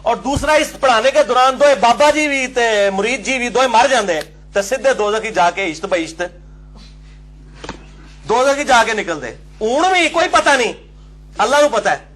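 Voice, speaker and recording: A man delivers a forceful religious lecture in a notably high voice. He argues point by point, pausing to direct helpers to hold up book pages. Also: expressive. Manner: emphatic, argumentative, addresses helpers to show pages.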